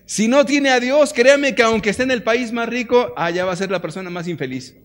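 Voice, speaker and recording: A fervent male preacher with a Mexican Spanish accent and a high-pitched voice, delivering a sermon in a large church auditorium. He fires off rhetorical questions and swings between loud appeals and near-hushed lines. His voice rings with a long hall reverb. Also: a little fast. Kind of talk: impassioned sermon.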